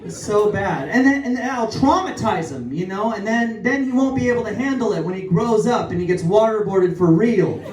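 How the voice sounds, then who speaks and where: Young guy doing standup, self-deprecating and rambly, lively pitch, echoey club w/ crowd laughing. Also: moderate pace, hardly any pauses, recorded from a distance. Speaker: stand-up comedian. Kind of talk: stand-up comedy set. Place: comedy club stage. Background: audience laughter.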